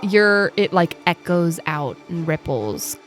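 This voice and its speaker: Slow, low-pitched woman narrating a tabletop game. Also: sing-song. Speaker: game master. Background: music.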